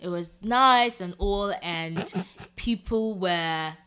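A woman co-hosting a podcast in casual chat, wry, often dropping her voice low and quiet. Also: slow pace, smooth. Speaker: podcast co-host.

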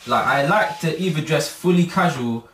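A man's voice: a little high, lively intonation, moderate pace, far from the mic, noisy background. A man chatting casually in slang, peppered with "like". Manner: slangy, frequent "like". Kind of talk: casual group chat. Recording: echoey, off mic, crowd chatter.

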